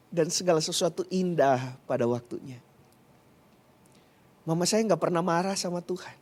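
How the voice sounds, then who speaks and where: A man's voice: on the high side, a little mellow. A male pastor preaching a sermon, telling a personal story in an earnest, emotional way and often addressing the congregation directly.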